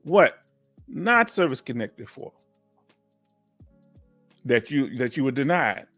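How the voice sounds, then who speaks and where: This livestream host, a veteran claims advisor in his fifties, has a fairly high, slightly bright voice. Running a relaxed live Q&A, he keeps things folksy, says things more than once, and urges his audience to chime in.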